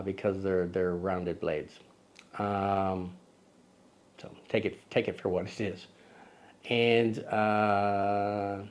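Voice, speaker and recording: Male vlog host, lowish pitch, chatty and digressive, self-correcting with jokey asides, outdoor recording. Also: darkish tone. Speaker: host of a camera lens video. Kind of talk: casual vlog lens review.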